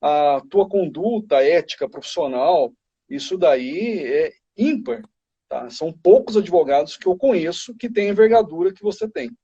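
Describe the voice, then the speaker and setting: Um advogado brasileiro convidado numa live, explicando de forma enfática e didática. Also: male voice, sits high, expressive, moderate pace, dark tone, slightly rough. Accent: Brazilian. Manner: emphatic, explanatory. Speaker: guest criminal lawyer. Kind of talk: live video chat. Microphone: video call. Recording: lo-fi livestream audio.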